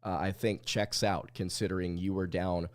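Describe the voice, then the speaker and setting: A man's voice: low-pitched, level tone, moderate pace. A male podcast host giving blunt, opinionated live sports commentary, his voice sounding sick and under the weather.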